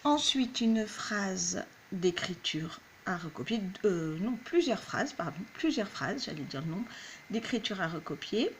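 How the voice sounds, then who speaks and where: A woman's voice: medium pitch, sing-song, measured pace, slight background noise. A woman teacher giving a patient, step-by-step lesson to young children at home. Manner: patient, clear, explains step by step. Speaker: primary school teacher.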